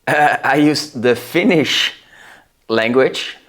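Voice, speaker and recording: Slow-talking Dutch man showing software. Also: medium pitch. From Netherlands. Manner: relaxed, thinking aloud, laughs at results. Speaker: video host. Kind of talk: casual screen-recording tutorial.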